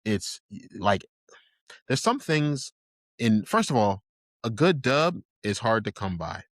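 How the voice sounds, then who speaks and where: Male co-host, casual rambling chat, low voice, dry studio sound. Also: very animated, takes it slowly, no echo. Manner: rambling, filler-heavy, enthusiastic. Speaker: podcast co-host. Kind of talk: casual chat about anime.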